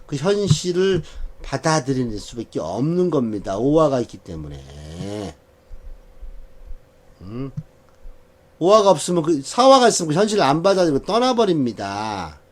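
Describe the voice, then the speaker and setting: A man's voice: medium pitch, big pitch swings, normal speed, a little mellow. A man teaching a class how to read a birth chart. He keeps asking questions and answering them himself, with chuckles between points. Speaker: saju fortune-telling teacher.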